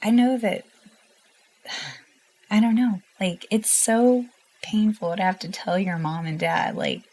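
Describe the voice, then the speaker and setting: A woman's voice: mid-range voice, takes it slowly, darkish tone. Candid woman sharing an emotional story. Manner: earnest and emotional, with frequent laughs. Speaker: interview guest. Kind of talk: candid personal interview.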